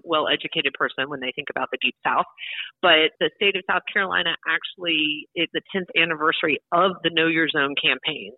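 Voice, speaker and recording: A woman's voice: low voice, dry recording. A woman calls in to a radio show, and her voice comes through a thin, tinny phone line with no room sound around it. She talks in a chatty, explanatory way, like a guest laying out the details. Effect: heard over the phone. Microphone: telephone.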